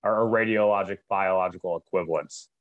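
Low-voiced man moderating a Q&A, polite and reassuring as he relays audience questions. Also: fairly even intonation, muffled recording. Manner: polite, reassuring, slightly rushed. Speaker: webinar moderator.

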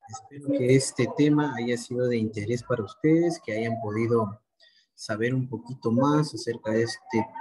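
A man with a Peruvian Spanish accent, a speech therapist giving an informative talk to parents, explaining patiently with gentle diminutives and rhetorical check-ins. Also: mid-range voice, low-quality recording. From Peru.

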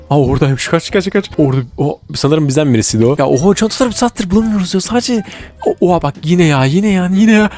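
A man giving excitable live gameplay commentary, reacting with quick exclamations and urgent repeated words. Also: a little high. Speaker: gaming video creator.

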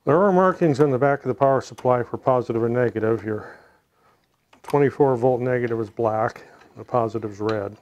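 A middle-aged American man narrating a hands-on repair casually, in a low-key way, as if muttering to himself while he works. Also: brisk, darkish tone, highs cut off. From United States. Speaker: DIY repair video host. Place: home room, indoors.

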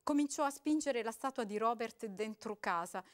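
A woman giving an expressive, dramatic reading of a short story aloud. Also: a little high, moderate pace. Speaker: reader.

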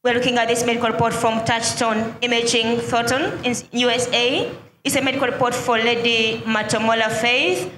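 A woman's voice: a little high, flat delivery, normal speed, hardly any pauses, a bit bright, slight background noise. A woman giving live commentary at a church healing service, reading out a medical report and proclaiming to the crowd. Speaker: ministry commentator. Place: large hall with crowd and music. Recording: echoey hall with music.

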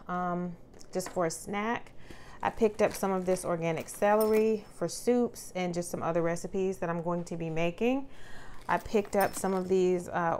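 A woman narrating a grocery haul at her kitchen counter in a relaxed, chatty way with lots of fillers. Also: lowish voice, slight background noise. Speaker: vlogger showing a grocery haul. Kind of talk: casual narration over product shots. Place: indoors at a home kitchen counter.

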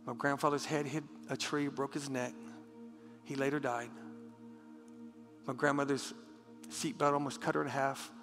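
A man preaching a passionate sermon as pastor, repeating words when moved and dropping to a hush for a personal story. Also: medium pitch, flat delivery, moderate pace, pauses often. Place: church sanctuary. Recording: church hall with reverb and faint music.

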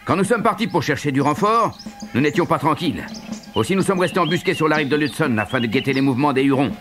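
A man voicing a steady male frontier scout in an audio storybook, talking urgently and practically. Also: fairly high pitch, quick pace, pitched above the performer's own voice, lightly acted. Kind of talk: audiobook character voice. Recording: loud music underneath.

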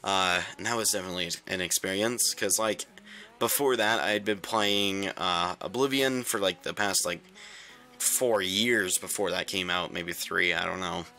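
A man's voice: deep voice, normal speed, sharp tone. A young man casually commenting while he plays a game, rambling with lots of fillers. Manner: rambling, chatty, reacting to the game, many fillers. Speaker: gaming video host. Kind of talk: casual let's-play commentary.

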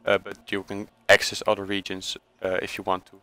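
His voice is low and monotone, a little fast and pushed bright, carrying a Dutch accent as this man from the Netherlands casually voices over a game tutorial recorded from his screen. Hesitant fillers and self-corrections crop up throughout.

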